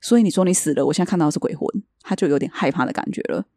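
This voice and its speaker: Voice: medium pitch, very fast, a little mellow, dry recording, studio quality. A podcast co-host telling a story in casual chat and acting out the quoted dialogue.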